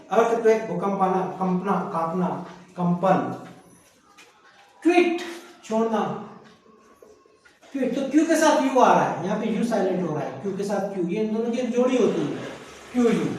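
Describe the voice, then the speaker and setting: A man's voice: sits high, expressive, normal speed, darkish tone. A man teaching an English grammar lesson. He spells words out letter by letter, repeats them, and asks the class questions that he answers himself. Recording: very echoey room heard from a distance.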